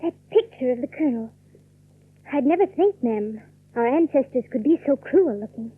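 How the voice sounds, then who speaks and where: In a radio drama, an actress plays a polite, eager, wide-eyed young country girl who is earnest, deferential and full of wonder. The young adult woman's high voice is animated with a breathy edge and a moderate pace. The dry recording has a muffled, telephone-like old radio sound.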